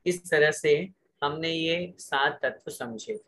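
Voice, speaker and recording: Slow, bright-voiced male scripture teacher. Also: a little high. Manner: drills pronunciation word by word, asks class to repeat aloud. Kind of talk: slow recitation lesson with call-and-repeat.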